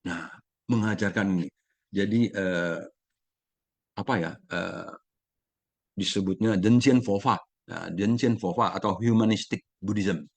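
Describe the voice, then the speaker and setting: Male Dharma speaker, very low voice, measured, hesitant fillers when explaining, dry sound. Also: gravelly, no room sound. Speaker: Buddhist Dharma sharing speaker. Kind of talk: Dharma talk, reading then explaining.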